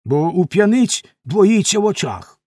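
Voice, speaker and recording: A pompous old scholar of a geographer, put on by a male reader, lecturing in slow, weighty phrases. His voice climbs and falls in lively swings and is heard close and dry. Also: high-pitched, no room sound, pitched above the performer's own voice, heavily acted. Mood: explaining.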